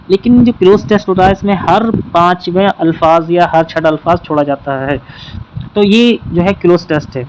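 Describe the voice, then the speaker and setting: High-voiced man teaching an exam-prep lesson. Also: darkish tone, a little hiss or hum, rough recording. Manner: explains patiently, repeats key points.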